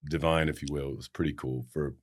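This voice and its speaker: A man's voice: extremely low pitch, fairly even intonation, quick pace. A man from West Virginia with an Appalachian accent, telling his own story as an interview guest in a folksy, reflective way. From West Virginia, United States. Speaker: podcast guest, former pro football player.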